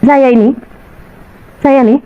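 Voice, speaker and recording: An Islamic preacher with a high-sitting, steady voice speaks slowly in a chatty, colloquial sermon to a women's audience. She repeats rhetorical questions and acts out little quotes, and the recording has its highs cut off plus a little hiss or hum.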